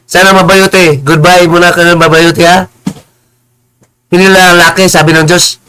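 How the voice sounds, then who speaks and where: A man with a bright, sharp voice rants on a live stream. He is combative and insulting, stammers and repeats words, and now and then slows into preachy English phrases. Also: high-pitched, little pitch movement, clear, resonant tone, poor audio. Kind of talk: heated live-stream rant.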